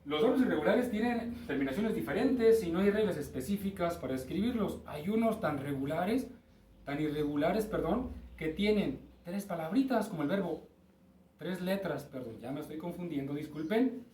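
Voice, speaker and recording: Mexican guy teaching english class, bit high voice, patient, sounds far off in a roomy space. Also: animated, normal speed, a little mellow, a little hiss or hum. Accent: Mexican Spanish. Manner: patient, explains step by step, checks in with students. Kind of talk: recorded class lesson. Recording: roomy, from off-mic with faint ambience.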